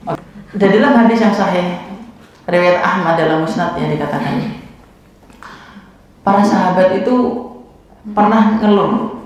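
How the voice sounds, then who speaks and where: A woman preaching a sermon to a women's study group in a lively, colloquial way, full of rhetorical questions. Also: fairly low pitch. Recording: very echoey, dull lo-fi hall recording.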